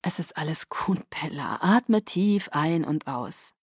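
A woman voicing a tender, protective young man who speaks softly and often close to a whisper. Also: sits low, brisk, breathy edge, no echo. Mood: soothing. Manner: soft and hushed, often near a whisper.

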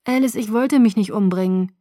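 A woman's voice: medium pitch, a little fast, warm tone, no echo, clean studio sound, close to an everyday voice. A woman as an urgent, anxious young woman. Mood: earnest. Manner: urgent, pleading delivery.

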